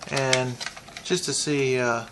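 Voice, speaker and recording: In a very noisy recording, a man reviews a product casually and without a script, his thoughts coming out haltingly with pauses. He speaks in a steady tone at mid-range pitch.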